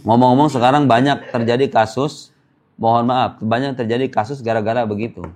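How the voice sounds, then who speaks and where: Animated man teaching an Islamic class. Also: mid-range voice, fairly quick. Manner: lively, questions the class and answers himself; casual, joking. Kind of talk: informal religious lesson.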